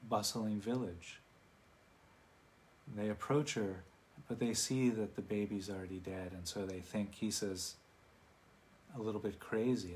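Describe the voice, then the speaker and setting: Low-voiced man telling a teaching story. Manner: conversational, relaxed asides. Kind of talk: storytelling in a dharma talk.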